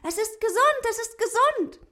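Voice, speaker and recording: Woman doing a high-voiced little girl. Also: very animated, measured pace, fairly bright tone, heavily acted. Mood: jubilant. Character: young girl worried about her rabbit.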